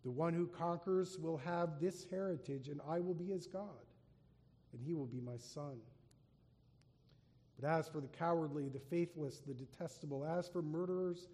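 A man preaches from the pulpit, reading scripture aloud and leaning into key lines with slow, swelling emphasis. His voice is mellow and sits a little high for a man. It carries through a large sanctuary with a long reverb tail. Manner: reads scripture aloud with rising emphasis, slowing for weight. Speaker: pastor.

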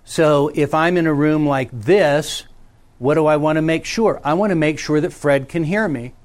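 A middle-aged man, a pastor, teaching a small class about preaching in a meeting room, talking conversationally and often checking in with the group. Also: normal speed. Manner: conversational, checks in with frequent "okay?" and "right?"; varies pitch and pace for emphasis.

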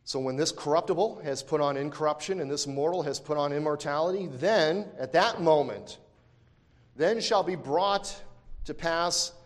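A man's voice: fairly high pitch, long reverb tail. A man teaching a Bible lesson, reading verses aloud and explaining them with emphatic repetition and frequent self-corrections. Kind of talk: scripture lesson.

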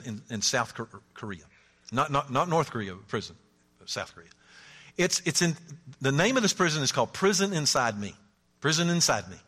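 A man preaching a sermon to a live congregation, animated, climbing to emphatic peaks and often restarting his words. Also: medium pitch, long reverb tail. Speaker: pastor.

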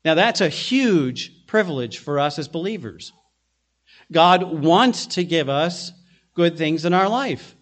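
A man's voice: on the high side, lively intonation, takes it slowly. A middle-aged male pastor giving an earnest expository sermon, with frequent restarts as he works through the text.

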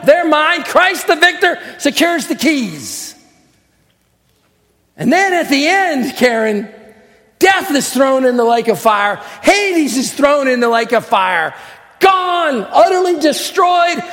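A pastor with a strikingly high-pitched voice preaches a fervent sermon to his church. He teaches in a calm, quick voice, then slows down and shouts his key lines. His voice rings with a long reverb from the hall. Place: church sanctuary.

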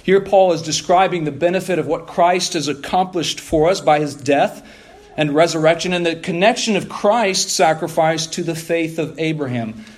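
Higher-voiced man preaching an expository sermon. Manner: deliberate, didactic, asks rhetorical questions. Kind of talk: expository sermon, reading scripture aloud.

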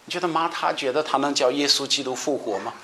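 A man leading a Bible study sermon, explaining passages verse by verse and asking his listeners questions, moving between raised emphatic stretches and quiet asides. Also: mid-range voice, quick pace, slight background noise.

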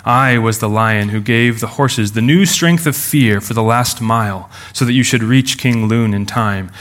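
A man reading a solemn, deep-voiced lion. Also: a bit bright, lightly acted. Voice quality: deep, low and slow. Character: solemn majestic male lion, deep and calm.

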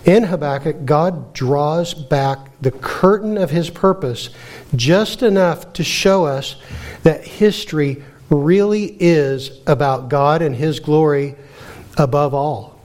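A middle-aged man with a creaky voice, teaching and praying in a sermon in an earnest, measured way. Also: fairly high pitch, darkish tone. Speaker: preacher.

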